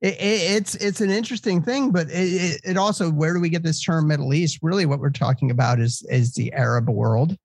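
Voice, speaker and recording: An American podcast host, congested from allergies, speaks in a brisk, fairly high voice with hardly any pauses. He runs a casual co-hosted discussion in a jokey, rambling way. The recording is dry and studio-clean.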